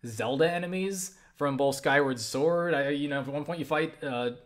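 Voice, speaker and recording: Here a young man whose voice sits on the high side talks at normal speed, answering viewer questions in a relaxed vlog. Expect rambling, swearing, lively delivery, and plenty of restarts.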